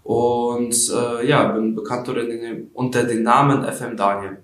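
An eighteen-year-old Ukrainian social media creator answers interview questions casually and hesitantly, full of fillers and restarts. His medium-pitched voice is flat and unhurried, the sound is reverberant, and there's a little hiss or hum.

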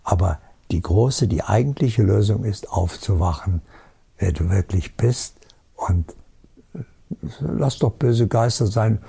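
Low gravelly guy giving a calm spiritual talk, super husky, very sure of himself. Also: measured pace. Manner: calm, certain and emphatic, with rhetorical questions.

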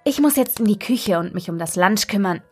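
A woman voicing a warm, welcoming housekeeper and cook at a castle school, friendly and cheerful, reading a storybook aloud. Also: mid-range voice, animated, brisk, breathy edge, faint music behind.

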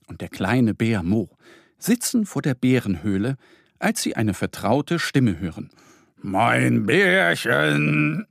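Husky man reading a children's story. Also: medium pitch, no echo, studio quality. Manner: gentle storytelling. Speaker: narrator. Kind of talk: scripted children's story narration.

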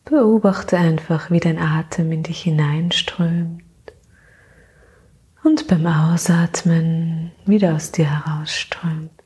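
A woman slowly narrating a soothing sleep meditation in a hushed, half-whispered voice, calm, with gentle pauses between phrases. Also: deep voice, slightly rough. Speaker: guided meditation narrator and podcast host.

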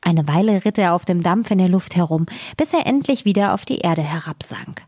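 A woman reading a fairy tale aloud in a calm, measured way as storyteller. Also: lowish voice, slightly rough, no room sound, clean studio sound.

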